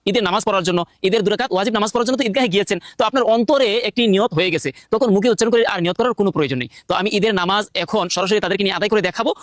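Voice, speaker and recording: A man teaching how to pray, explaining quickly and then chanting the prayer slowly. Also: sits high, no echo, clean studio sound. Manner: rapid explanatory delivery, slow drawn-out chanting when reciting. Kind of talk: instructional talk, then chanted Arabic recitation.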